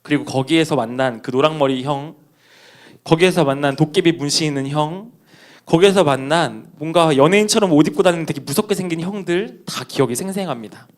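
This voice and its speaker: A man's voice: on the high side, brisk. A young man preaching a sermon, telling a personal story and speaking to the congregation. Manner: personal anecdote with quoted dialogue, addresses congregation.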